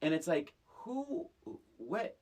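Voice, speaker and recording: A middle-aged American podcast co-host talks casually about film, his husky, medium-pitched voice animated, halting, and emphatic.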